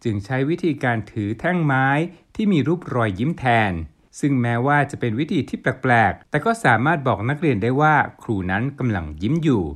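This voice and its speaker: A man reporting the news, reading a formal script in a polite, measured way as a studio voice-over. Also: mid-range voice, animated. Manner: polite formal delivery with Thai polite particles.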